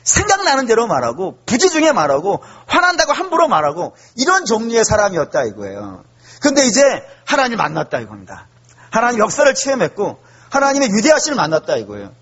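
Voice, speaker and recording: A male pastor preaching a sermon, animated and asking the congregation questions. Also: sits high, fast, slightly rough, highs cut off. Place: church.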